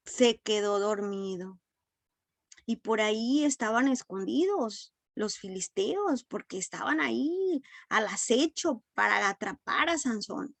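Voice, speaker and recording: A woman teaching a Bible story in a relaxed, unhurried way, often correcting herself and acting out quoted lines. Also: a little high, no room sound. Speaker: preacher.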